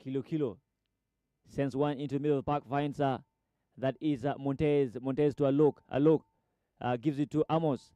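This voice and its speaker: A man's voice: mid-range voice, steady tone, brisk, mellow, clear, resonant tone, no echo, muffled recording. A man giving live football play-by-play, repeating player names and rising sharply at chances. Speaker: football commentator. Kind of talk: live match commentary.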